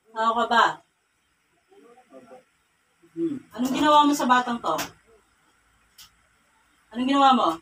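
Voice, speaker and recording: A woman's voice: high voice, fairly bright tone. A woman faith healer with a Cagayan Valley accent, sternly questioning and scolding in a repetitive way. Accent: Filipino, Cagayan Valley. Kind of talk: healing ritual interrogation. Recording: distant mic with faint ambient noise.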